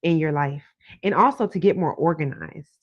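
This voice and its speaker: This psychic card reader's voice is low-pitched and her speed normal as she runs a casual live-stream call-in, drawing out words to emphasize them. The sound, captured on a phone propped on her desk, has no room sound and its highs cut off.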